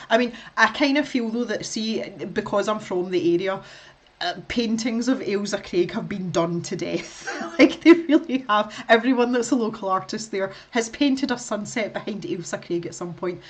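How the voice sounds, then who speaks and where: Colouring on a stream, this middle-aged woman from Scotland speaks at medium pitch and normal speed. She chats casually with her viewers in a rambling way, frequently breaking into laughter.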